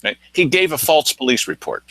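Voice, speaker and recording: A man hosting a local news talk show, telling his stories in an animated way. His pitch swings widely. The sound is dry and close. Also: a little fast, no echo, low-quality recording. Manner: animated storytelling, acting out quotes. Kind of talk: casual commentary chat.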